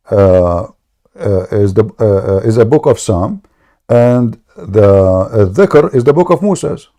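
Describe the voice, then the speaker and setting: A man's voice: medium pitch, warm tone. A man hosting a live debate broadcast, switching between classical Arabic and English and pressing his caller with repeated questions. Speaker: host.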